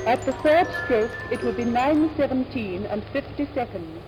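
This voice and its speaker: A woman's voice: fairly high pitch, animated, over music, low-quality recording. Spliced-word speaking clock woman. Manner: measured, evenly clipped time announcements. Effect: spliced-together recorded words. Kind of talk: automated time announcement.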